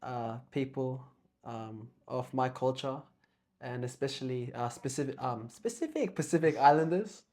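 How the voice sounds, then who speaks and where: A young man from Australia, a guest in a casual chat, talking softly and hesitantly with many pauses and ums. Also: medium pitch.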